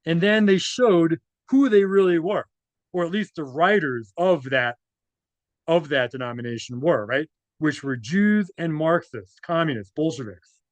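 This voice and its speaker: A man with a highish voice and lively intonation reads documents at a measured pace, adding informal remarks as he goes. He often finishes statements with "right?" to check in, and the recording is dry.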